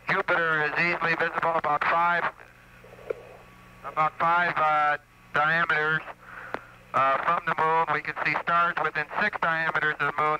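A male astronaut whose voice fades in through radio static, calmly describing the view with frequent pauses from inside a spacecraft cabin. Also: a little high, poor audio. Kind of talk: live radio commentary from spacecraft. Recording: static-heavy space-to-ground radio link.

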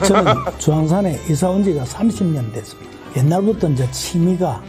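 A woman's voice: fairly low pitch, animated, fairly quick, music in the background. A middle-aged woman, chatting and explaining things casually on a local talk show. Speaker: local resident, woodcraft shop owner.

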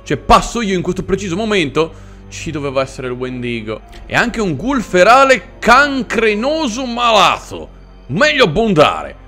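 A man narrating his own gameplay on the fly, his somewhat high voice leaping up and down as he flips between jittery yelps and exaggerated politeness toward the monsters. Faint game music sits low behind him. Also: moderate pace. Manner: excitable, yelps and panics, mock-polite to enemies. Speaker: let's play gamer. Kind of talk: live gameplay commentary.

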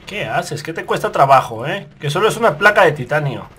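A man commentating on his own game run, swearing, yelling when startled, and muttering to himself. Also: a little high, sing-song, a little fast, slightly rough. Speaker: gaming video host. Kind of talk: let's play commentary.

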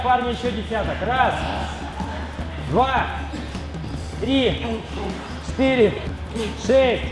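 A man coaching a workout like a gym bro, counting reps and barking short motivational commands with teasing jabs. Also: very high-pitched. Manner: hard-driving motivational hype with teasing jabs. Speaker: martial arts coach. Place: large indoor martial arts gym with mats. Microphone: camera a few meters away. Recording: echoey gym, music behind.

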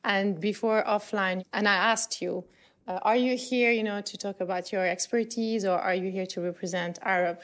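A woman's voice: medium pitch, fairly even intonation, normal speed, a bit bright. A woman interviewing a guest, asking friendly and curious questions in a conversational way.

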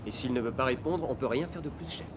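A man's voice: mid-range voice, fast talker, background noise, lightly acted. A young man playing an uneasy junior policeman in a dubbed TV crime drama. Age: young adult. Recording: loud music under the dialogue.

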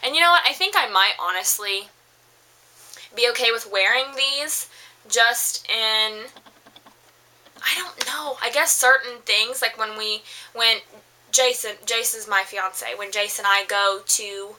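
A young woman rambling through a casual makeup haul review, full of fillers and restarts, her voice a little hoarse from allergies. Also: fairly high pitch, takes it slowly, bright, forceful tone, rough recording. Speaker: beauty vlogger.

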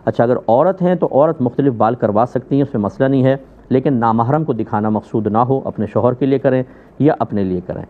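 Measured male mufti on a tinny phone-like line. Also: medium pitch. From Pakistan. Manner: measured, explanatory, methodical. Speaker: mufti answering viewers' questions. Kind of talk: religious question-and-answer ruling. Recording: phone-like narrow band.

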